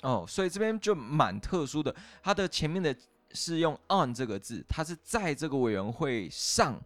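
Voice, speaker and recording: A man's voice: fairly high pitch, very animated, normal speed, faint music behind. A young man with a Taiwanese Mandarin accent, co-hosting a podcast and explaining English grammar step by step in a chatty way. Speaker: podcast co-host teaching English.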